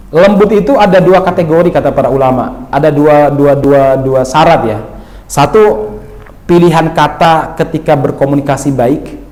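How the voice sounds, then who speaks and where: A man giving a dawn sermon in a lively, teasing way, asking his audience questions. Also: on the high side, reverberant, low-quality recording. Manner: slips into Javanese phrases. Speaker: preacher.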